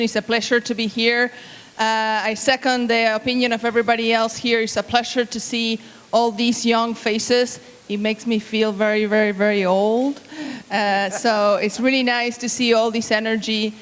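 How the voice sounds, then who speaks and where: A woman's voice: a little high, little pitch movement, normal speed, a bit bright. Woman speaking in a hall. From Argentina. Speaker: banquet speaker, university researcher. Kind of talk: speech to students. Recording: reverberant banquet hall.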